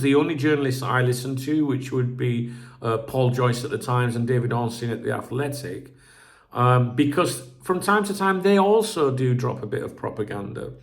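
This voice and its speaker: Speaking in a mid-range, somewhat bright voice, a football channel host rambles through casual commentary. His sore throat leaves him a little croaky, so he keeps clearing it, and he swears in an easygoing way.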